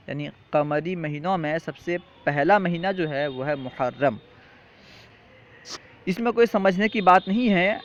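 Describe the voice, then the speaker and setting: A male teacher giving a language lesson, reciting lists slowly and explaining patiently, often checking in with the students. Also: on the high side, a bit bright, lo-fi sound. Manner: patient, repetitive, checks in with "theek hai?".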